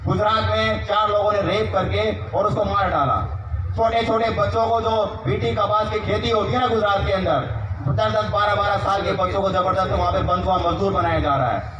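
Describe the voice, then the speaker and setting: A man's voice: high voice, fairly even intonation, moderate pace, echoey room, far from the mic, muffled recording, background noise. A man giving an impassioned public speech at a convention, firing rhetorical questions at the crowd.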